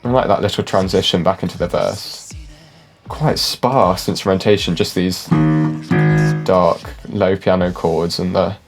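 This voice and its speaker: Brief: very low-voiced male music reactor, casual and analytical, hedges a lot, faint music under him. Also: steady tone, measured pace. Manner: chatty, hedging, filler "like", musical terms. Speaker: classically trained musician reacting to songs. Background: faint music from the reacted video.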